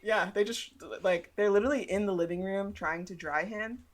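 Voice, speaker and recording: A woman's voice: mid-range voice, normal speed. A young woman co-hosting a podcast, casually recapping a movie, laughing often and acting out quotes. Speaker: podcast co-host. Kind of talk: casual chat recapping a film.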